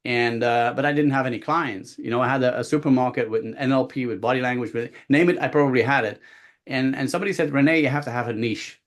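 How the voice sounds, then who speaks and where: A man's voice: mid-range voice, fast talker. Man, from Belgium, 50s, guest coach, chatty storytelling, lots of restarts, video call. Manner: animated, many restarts and acted-out quotes. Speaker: guest speaker, body language coach. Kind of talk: casual storytelling.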